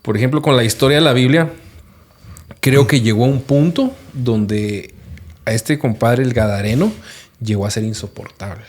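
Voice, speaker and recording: Male podcast host, relaxed and reflective, mid-pitched voice. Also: normal speed. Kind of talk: casual chat.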